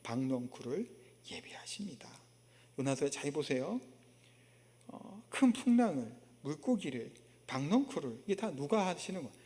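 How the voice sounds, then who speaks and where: Male pastor, high voice, chatty sermon full of rhetorical questions, long church-hall reverb. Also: very animated, normal speed, dark tone. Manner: conversational preaching with rhetorical questions, acting out an indignant prophet. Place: church sanctuary.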